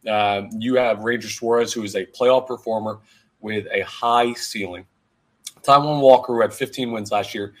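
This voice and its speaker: A man with a fairly low voice hosts a solo sports podcast. He talks in an energetic, conversational way, with plenty of "like" and "uh." His voice sounds a bit worn and hoarse. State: hoarse, voice going. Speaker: podcast host.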